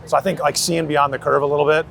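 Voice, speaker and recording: A gravelly-voiced street photographer talks quickly in an interview on a busy city street, his voice on the high side, level in tone and a little bright. He tells anecdotes in slangy, casual chat peppered with "like" and "you know," as traffic and street noise surround him.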